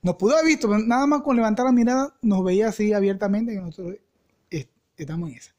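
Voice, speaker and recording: A young Venezuelan man with a mellow, relaxed tone tells a story on a podcast. He is full of slang and jumps into little voices for everyone in it. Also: sits high, fast. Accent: Venezuelan Spanish. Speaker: podcast co-host. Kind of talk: casual storytelling chat.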